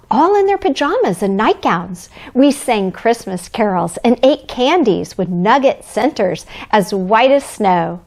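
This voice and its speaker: Mrs. Claus, a woman unhurried and expressive storyteller. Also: mid-range voice, heavily acted. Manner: gentle, deliberate, expressive, speaking to young children. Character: Mrs. Claus, kindly cheerful Christmas storyteller. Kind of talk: children's storybook read-aloud.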